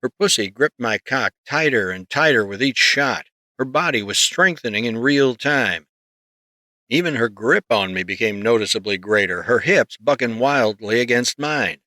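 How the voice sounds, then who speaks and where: A man narrating a story in the first person, reading in a steady, measured way close to the mic. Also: mid-range voice, no echo. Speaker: audiobook narrator.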